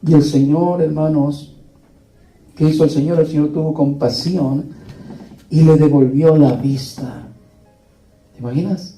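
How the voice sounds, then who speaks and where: A man's voice: a little high, steady tone, measured pace, pauses often, mellow, faint music behind. Male preacher, sermon delivery, rhetorical questions to the brothers; distant mic in a roomy, echoing church. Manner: rhetorical questions to the congregation, addresses listeners as brothers. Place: church hall. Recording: echoey room, distant mic.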